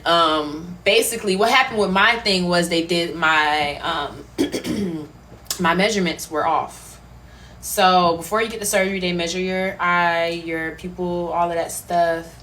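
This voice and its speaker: A woman vlogger telling a personal story in a casual, slangy, profane and animated way. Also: deep voice, a little hiss or hum.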